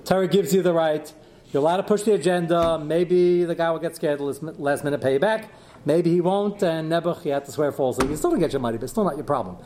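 A man teaches. He reads out sources and explains them informally, posing questions and then answering them himself. The recording has clear background noise and small clicks. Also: fairly high pitch, fast talker, mellow. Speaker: religious teacher giving a Talmudic law class. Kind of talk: informal lecture, reading sources aloud and explaining.

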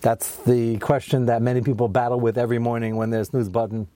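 Mellow-voiced man teaching a Torah class. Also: mid-range voice, flat delivery, fairly quick. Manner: conversational, acts out excuses in a raised voice.

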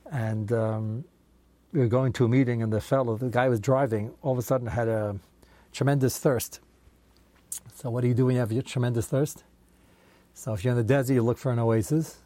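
A man's voice: mid-range voice, darkish tone, no room sound. A man teaching a Talmud class, telling stories in a conversational way and mixing in Hebrew and Yiddish terms. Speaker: Torah teacher.

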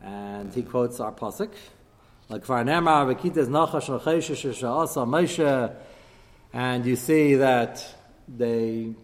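In a large, echoing hall with listeners present, a rabbi gives a Torah class on the Talmud. His medium-pitched voice moves slowly as he teaches through questions and answers, weaving Hebrew terms into his English.

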